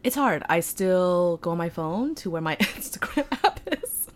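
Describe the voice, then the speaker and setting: American woman in her 30s, low voice, jokey casual chat, some background noise. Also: animated, moderate pace. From New York and Ohio, United States. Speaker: podcast guest.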